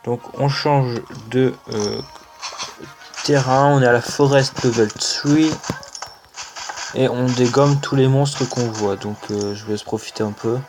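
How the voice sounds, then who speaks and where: Slow, hesitant French man over music. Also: mid-range voice, fairly even intonation. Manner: hesitant, many "euh" fillers, slow and unhurried. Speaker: gaming channel host. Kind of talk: casual gameplay commentary. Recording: music playing under the voice.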